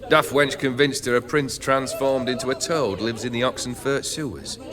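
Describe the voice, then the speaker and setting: An actor with a mid-range, natural voice plays a jaded, cursed noble who leads a bandit gang in a game cutscene, speaking at a moderate pace in a languid, sardonic drawl. Music plays under him, and a rowdy crowd of revelers is audible in the background.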